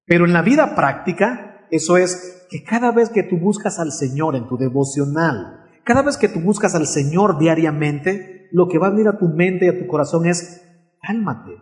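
A man's voice: on the high side, animated, moderate pace. A man preaching a sermon in an earnest way, often asking his listeners questions.

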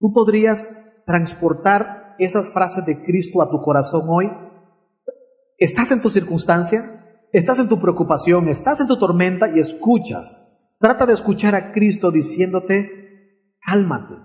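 A man's voice: high-pitched, animated, measured pace, a little mellow. A man preaching a sermon in an earnest way, often asking his listeners questions.

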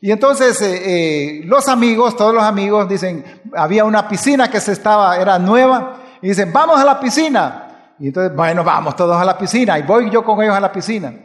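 High-voiced male preacher in a reverberant hall. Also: animated, a little fast. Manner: storytelling that drops soft and low in tense moments, then rises to emphatic preaching. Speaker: pastor. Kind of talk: sermon with a personal story.

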